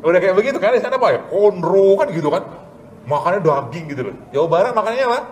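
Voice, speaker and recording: A man's voice: high voice, expressive, quick pace, slight background noise. Chatty man giving a health talk. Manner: chatty, joking asides to the audience. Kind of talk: informal health talk with live demonstration.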